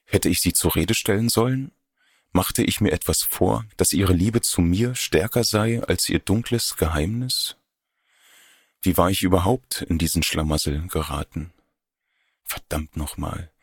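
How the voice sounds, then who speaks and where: A young man reading a first-person story aloud, measured and wry, in a steady introspective narration close to the mic. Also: sits low, slightly rough, dry recording. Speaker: audiobook narrator.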